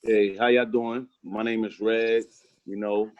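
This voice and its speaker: A man from Brooklyn, introducing himself as a student in a slow, laid-back drawl. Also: lowish voice, level tone, dull audio, slight background noise. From Brooklyn, New York. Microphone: video call.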